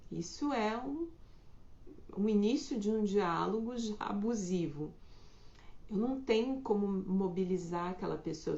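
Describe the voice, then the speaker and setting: A woman giving a reflective live talk in a relaxed, explanatory way. Her voice is slightly hoarse. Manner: reflective, acts out quoted remarks in a higher voice. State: slightly hoarse, clearing throat. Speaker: host of a live talk on communication. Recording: echoey room, slightly dull sound.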